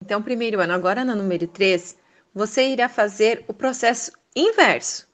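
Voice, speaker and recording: A Brazilian woman teacher leading a first-grade lesson, reading words slowly and praising the children. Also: mid-range voice. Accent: Brazilian Portuguese. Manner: slow, syllable-by-syllable, encouraging.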